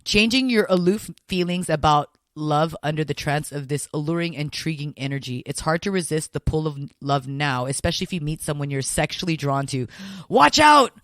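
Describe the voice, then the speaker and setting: A man's voice: on the high side, expressive, fairly quick, fairly bright tone, no echo, clean studio sound. A man chatting casually as a podcast guest, talkative and repeating words as he goes. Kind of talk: casual chat.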